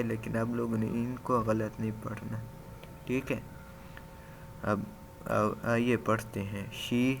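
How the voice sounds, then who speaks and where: A man's voice: mid-range voice, slight background noise. A man teaching a language lesson, patiently reading syllables from a chart for learners to repeat and often adding a checking tag after each point. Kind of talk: classroom-style lesson, reading a chart aloud.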